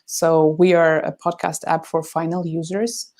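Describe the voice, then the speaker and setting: A woman's voice: low voice, little pitch movement, darkish tone. A woman who develops business for a podcast app, answering interview questions in hesitant full of fillers and restarts. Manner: halting, many fillers and restarts.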